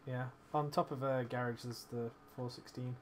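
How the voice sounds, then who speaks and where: A man's voice: mid-range voice, flat delivery, moderate pace, noisy background. A man streaming a shooter game, chatting casually over a headset, joking and swearing with his teammate. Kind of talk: casual gaming chat.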